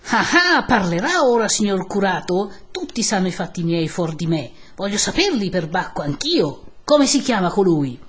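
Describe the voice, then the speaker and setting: A woman voicing an angry young peasant man who makes forceful demands. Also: mid-range voice, lively intonation, moderate pace, few pauses, husky. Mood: demanding, angry. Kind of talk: audiobook character voice.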